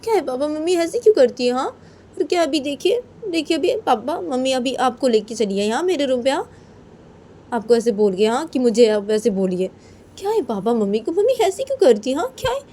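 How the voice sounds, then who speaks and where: A woman's voice: very animated, a little fast, mellow. Woman doing a whiny teenage girl. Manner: high, whining, repeats "kya hai". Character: teenage daughter, whiny and complaining.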